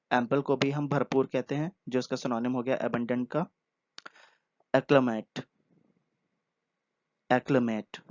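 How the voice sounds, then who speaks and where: A man's voice: medium pitch, a little mellow, dry recording. Guy going through vocab words one by one, patient, repeats stuff, dry muffled earphone mic sound. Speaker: English vocabulary teacher. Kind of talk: word-by-word vocabulary lesson. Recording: dull lo-fi earphone recording.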